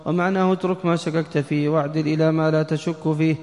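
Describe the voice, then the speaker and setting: A man, a student, reads a text aloud to his teacher in a quick, half-chanted recitation. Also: a little high. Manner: fast, flat, half-chanted reading. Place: mosque. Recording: echoey mosque hall.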